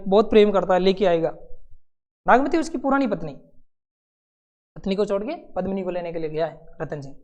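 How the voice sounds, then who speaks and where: A male teacher giving a lively classroom lecture to students preparing for competitive exams. He tells stories and acts out scenes, with quick asides. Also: high voice, dull audio. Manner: storytelling, acting out scenes and voices, quick asides.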